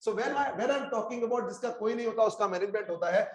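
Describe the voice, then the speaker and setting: An online exam coaching teacher with an Indian English accent runs a live class, mixing Hindi and English and urging students to reply in the chat. His voice is high and his pace brisk.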